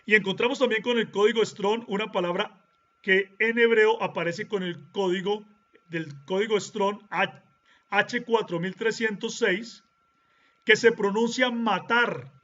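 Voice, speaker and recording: A man with a high, sharp, forceful voice lectures deliberately and walks listeners through a point one step at a time. He keeps checking in with short rhetorical questions. The recording sounds dull and lo-fi. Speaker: Bible teacher. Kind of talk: explanatory teaching monologue.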